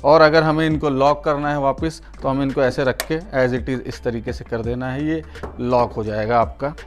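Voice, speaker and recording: Speaking at normal speed in a steady, medium-pitched voice, an Indian product reviewer runs an unboxing and demonstration on his channel. He breaks things down step by step, often restates what he's said, and talks to viewers like friends.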